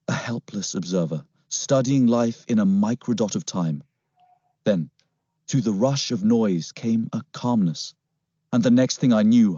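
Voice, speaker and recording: Male narrator, low, husky, very animated first-person storybook read, dry lo-fi recording. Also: dry recording. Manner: expressive, dramatic reading. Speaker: audiobook narrator. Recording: slightly muffled, dry.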